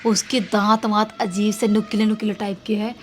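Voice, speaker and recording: A woman telling a horror story dramatically, dropping to a hush at tense moments. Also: mid-range voice, level tone, normal speed, a little hiss or hum.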